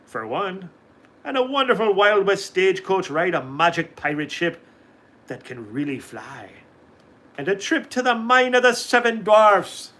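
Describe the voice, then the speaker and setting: A man's voice: high-pitched, sing-song, a little slow, a bit bright, voice pushed up, full character voice. A man voicing a friendly, upbeat cartoon mouse in a cheerful, polite manner.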